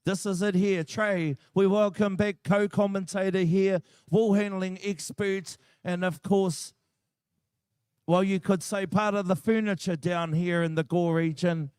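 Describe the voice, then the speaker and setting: A male announcer with a New Zealand accent runs a live competition. His voice is high and smooth with a dry sound, and he gives directions in a practical, informal way. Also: steady tone, measured pace, a little mellow, no room sound.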